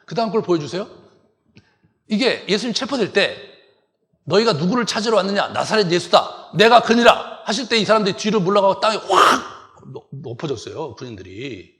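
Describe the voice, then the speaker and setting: A man's voice: sits high, pushed and bright, in a large hall. A male pastor delivering a sermon, asking the congregation rhetorical questions and acting out the quoted lines. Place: church sanctuary.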